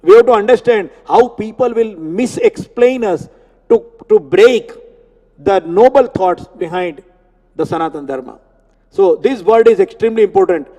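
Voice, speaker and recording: A man giving a spiritual discourse on scripture, explaining Sanskrit words slowly and repeating terms. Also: high voice, lively intonation, mellow. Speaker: Gita teacher. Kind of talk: religious discourse. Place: temple hall. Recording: long hall reverb.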